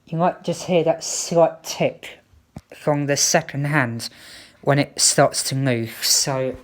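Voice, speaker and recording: A woman's voice: sits low, slow. A woman casually reviewing a product, demonstrating it step by step in a hesitant way. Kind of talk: casual unboxing and review chat. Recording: faint background noise and clicks.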